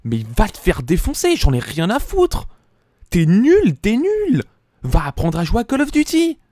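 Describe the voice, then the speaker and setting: A man's voice: huge pitch swings, measured pace, no room sound. A young man, a gaming YouTuber delivering an angry, swearing rant over gameplay on a desk mic. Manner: furious, swearing, pitch jumping up when shouting.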